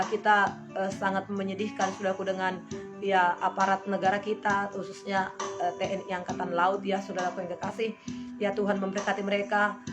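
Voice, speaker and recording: A woman pastor, preaching and praying fervently and calling out to her listeners again and again. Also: medium pitch. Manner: fervent, repeatedly calls the listeners "my brothers and sisters". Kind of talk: sermon and spoken prayer. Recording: music playing behind the voice.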